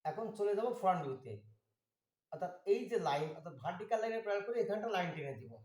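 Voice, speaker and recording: A man giving a slow, methodical drawing tutorial, walking through each step. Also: high voice, lively intonation, a little mellow, reverberant. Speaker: drawing instructor.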